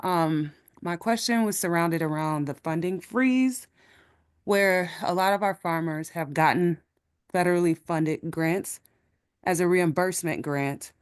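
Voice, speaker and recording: A woman's voice: lowish voice, a little slow, smooth. A woman from Chicago asking a long question in an online panel, slightly out of breath and full of ums. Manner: earnest, explains at length with many ums. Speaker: audience member asking a question. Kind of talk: webinar question.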